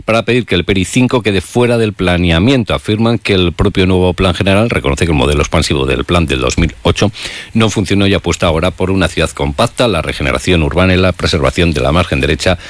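A man hosting a morning radio show, reading local news briskly and chatting with a co-host. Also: sits low, no echo.

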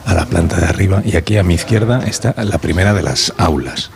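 A man with a very low voice does an on-location interview inside a small school. He asks chatty, curious questions, moving through the rooms as he talks. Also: fairly quick, gravelly, crowd noise. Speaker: radio reporter. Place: village school classroom.

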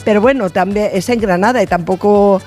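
A woman's voice: medium pitch, fairly quick, a little mellow, soft background music. A woman from the studio audience chats on a radio show, talking hesitantly with many fillers. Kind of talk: casual chat on a radio show.

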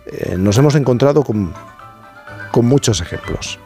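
Man, radio host, measured, explanatory, faint background music. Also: mid-range voice, expressive, warm tone. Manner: measured, explanatory, cites figures. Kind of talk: radio talk show.

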